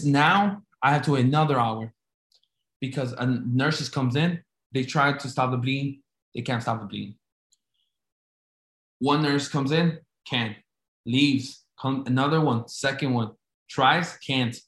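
A man telling a story casually, rambling with lots of restarts. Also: mid-range voice. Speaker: storyteller recounting an injury. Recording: echoey room.

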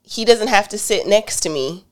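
A woman's voice: medium pitch, normal speed. A middle-aged woman co-hosting a relationship talk show, speaking directly and telling stories with laughter. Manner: direct, animated storytelling with laughs. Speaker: podcast co-host. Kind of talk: casual couple conversation.

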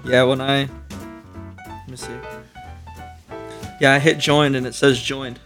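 A man with a bright, forward voice chats as a guest on a podcast. He is easygoing and pokes fun at himself. Soft music sits faintly behind him. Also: mid-range voice, level tone, unhurried. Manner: easygoing, self-deprecating. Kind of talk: casual chat.

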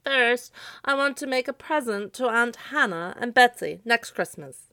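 A woman as high, plaintive Jimmy Scarecrow. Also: expressive, a little slow, pushed and bright, no echo, clean studio sound, exaggerated voice. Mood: earnest. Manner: pleading, tearful, earnest. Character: timid, plaintive, eager-to-please male scarecrow.

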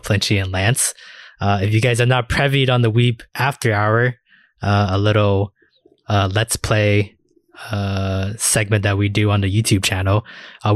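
With a fairly low voice, this male podcast host keeps things chatty and casual. The audio is dry and studio-clean.

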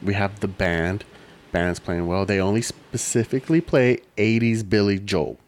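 A man's voice: fairly low pitch, normal speed, slight background noise. A man in casual chat, retelling a movie scene by scene, swearing freely and acting out the characters' lines. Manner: animated, swears, acts out characters' lines in shifting voices.

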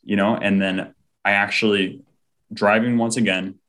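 Here a man on the low side of the pitch range, with little pitch movement, a slightly bright sound, and a normal pace, gives a heartfelt interview about his personal faith. He often acts out the remarks of people in his story.

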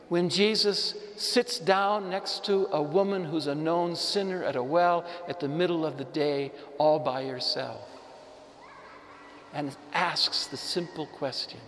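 A man's voice: on the high side, in a large hall, slight background noise. A man preaching a sermon, telling a story with emphatic repetition. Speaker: pastor.

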